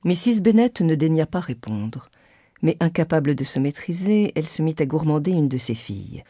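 A woman narrating a classic novel as an audiobook in a measured, literary manner. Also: low voice, very animated, mellow, breathy edge, no room sound, clean studio sound. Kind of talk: scripted narration.

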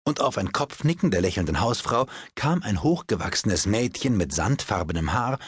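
A man narrating a classic story as an audiobook reader, expressive in delivery. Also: on the low side, normal speed, breathy edge, no room sound, studio quality.

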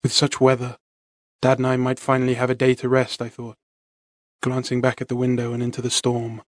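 Guy reading an audiobook, steady and dramatic, mid pitch, super dry. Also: a little fast, dry recording. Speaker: audiobook narrator. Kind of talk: first-person audiobook narration.

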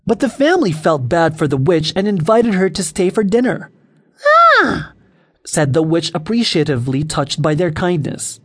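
A man narrating a children's audiobook in an expressive storytelling way. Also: on the high side, moderate pace, hardly any pauses.

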